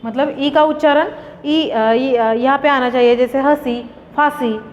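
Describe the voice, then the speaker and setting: A woman teaching a grammar lesson to a class, explaining slowly and repeating each example word. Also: sits high, fairly even intonation. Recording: dull lo-fi sound with long reverb.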